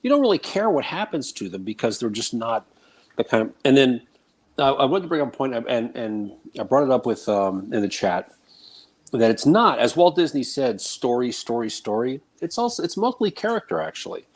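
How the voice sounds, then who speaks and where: A man's voice: mid-range voice, very animated, normal speed. Man on a phone with a slight echo. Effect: slight echo on his voice. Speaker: call-in guest. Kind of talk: casual chat. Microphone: cell phone.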